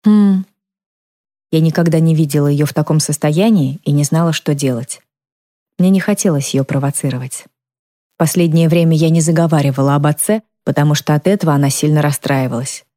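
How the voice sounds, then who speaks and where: A woman calmly narrating a first-person novel as an audiobook reader. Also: low voice, brisk.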